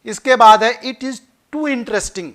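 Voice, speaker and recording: A man teaching English grammar in Hindi, explaining slowly, repeating his points and reading example sentences with care. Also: very high-pitched, a bit bright. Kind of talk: classroom grammar lesson in Hindi.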